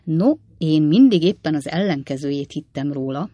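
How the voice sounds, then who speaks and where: A reader voicing a kindly older gentleman who speaks earnestly and breaks into surprised exclamations. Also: mid-range voice, lively intonation, no room sound, lightly acted. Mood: exclaiming.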